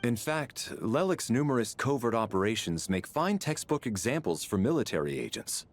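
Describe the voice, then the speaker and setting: A man's voice: mid-range voice, sing-song, close to an everyday voice. A man voicing a formal, dutiful military agent in a video game. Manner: measured, formal, precise.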